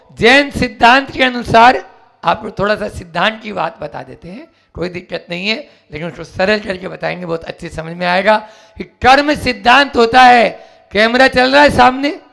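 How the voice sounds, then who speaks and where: A male spiritual teacher preaches a sermon, stressing each key word and raising his voice on lists. His voice sits high and gravelly, and his pace is slow and deliberate. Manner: animated, emphatic preaching with rising exclamations. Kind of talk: sermon with storytelling.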